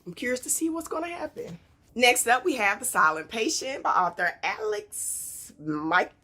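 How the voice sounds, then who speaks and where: A woman with a fairly high, bright, forceful voice and lively intonation chats with viewers about her book haul at a moderate pace. As a book vlogger, she tells stories conversationally and drops in rhetorical questions.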